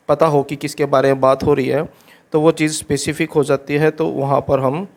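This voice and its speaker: A man teaches English grammar. He is patient and goes through each rule step by step, over and over. He reads the example sentences out slowly and clearly. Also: fairly high pitch. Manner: patient, repeats each rule in simple steps. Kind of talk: explaining an English grammar exercise.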